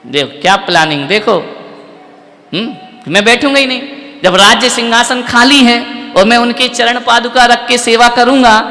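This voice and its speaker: A man's voice: very high voice, moderate pace. A man, a monk, giving a sermon, retelling an old epic to a live audience and firing rhetorical questions at his listeners. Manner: fires rhetorical questions at listeners, animated storytelling. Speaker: Jain monk giving a discourse. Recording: long hall reverb.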